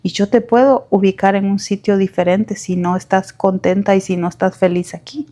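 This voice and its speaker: A woman voicing a kind, divorced middle-aged man who speaks gently and reassuringly, within her slow storytelling. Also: mid-range voice, steady tone, natural voice. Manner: soft, reassuring questions.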